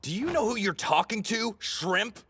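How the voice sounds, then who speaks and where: A woman voicing a brash, bullying male delinquent high schooler in an anime dub, taunting and aggressive. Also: expressive, normal speed, fairly bright tone, breathy edge, no echo.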